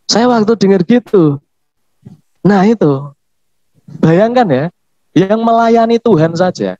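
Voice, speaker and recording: Animated high-voiced man preaching in chat. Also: slow, long pauses, no room sound. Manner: animated, emphatic, laughs often. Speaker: pastor. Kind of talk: casual podcast chat. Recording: dull, lo-fi podcast audio.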